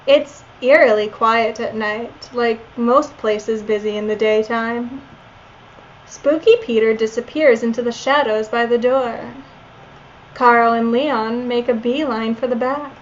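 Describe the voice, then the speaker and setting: Slow, high-voiced woman reading a game aloud. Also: steady tone, dull audio, a little hiss or hum. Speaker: game player and narrator. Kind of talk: reading a visual novel aloud with commentary.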